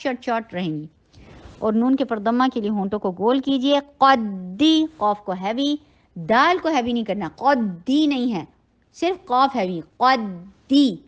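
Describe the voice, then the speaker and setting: A woman teaching tajweed, reciting words slowly and drawn out, then briskly explaining how to shape each sound with the lips and throat. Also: fairly high pitch, lo-fi sound. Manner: instructive, gives step-by-step mouth and throat directions.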